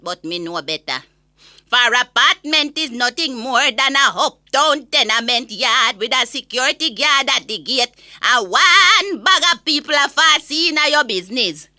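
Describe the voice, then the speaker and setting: An elderly Jamaican granny, acted by a woman, rants in a high, piercingly bright voice, very close and dry. She is opinionated and exasperated, spinning gossipy complaints as a comic audio-story monologue with a strong Jamaican accent. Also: no room sound, exaggerated voice. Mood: indignant.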